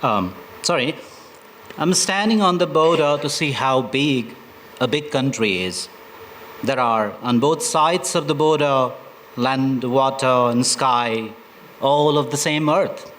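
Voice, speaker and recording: Man from nepal reciting poetry, very slow measured delivery, faint ambient hum behind. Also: mid-range voice, fairly bright tone, poor audio. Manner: slow, deliberate reading with hesitant fillers between poems. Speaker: poet. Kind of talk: poetry recitation with spoken introductions. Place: literature festival stage.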